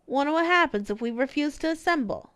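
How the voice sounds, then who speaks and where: A woman's voice: high voice, lively intonation, fairly quick, fairly bright tone, no room sound, pitched above the performer's own voice. Woman voicing a cocky, sulky male student. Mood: defiant. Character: defiant, sulky male student, lazily provocative. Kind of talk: character dialogue in a visual novel game.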